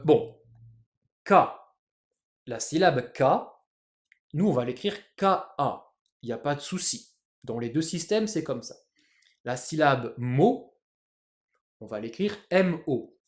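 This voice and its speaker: A man teaching Japanese in a casual video lesson, chatty and lively, spelling out letters. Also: on the high side, roomy sound.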